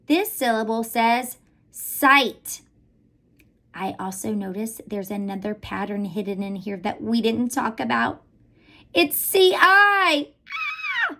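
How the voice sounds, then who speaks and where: Animated high-voiced teacher woman, slow. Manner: animated, sing-song teacher voice with playful emphasis. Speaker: elementary school teacher. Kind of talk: recorded phonics lesson for children.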